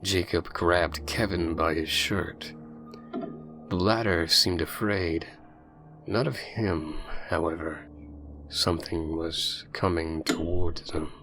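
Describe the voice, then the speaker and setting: A man narrates a horror story in a very deep, unhurried voice, measured and grim. Faint music plays underneath the reading. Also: steady tone, a bit bright.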